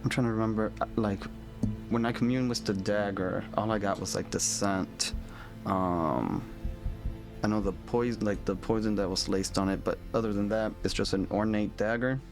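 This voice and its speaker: A man's voice: fairly low pitch, steady tone, moderate pace. A man playing a tabletop game in character, defiant and sarcastic, often laughing. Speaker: player. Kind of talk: in-character tabletop role-play. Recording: music playing behind.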